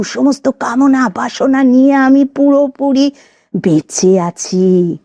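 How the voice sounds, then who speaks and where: A woman's voice: fairly high pitch, a little mellow, dry recording, heavily acted. A woman voicing the bitter, vengeful ghost of a jilted woman who speaks in a cold, hissing, taunting way, in an audio story.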